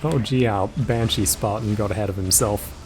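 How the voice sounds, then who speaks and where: A man casually commenting on his gameplay in a rambling, relaxed way, with lots of fillers. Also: on the low side, normal speed. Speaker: let's play host. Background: game music.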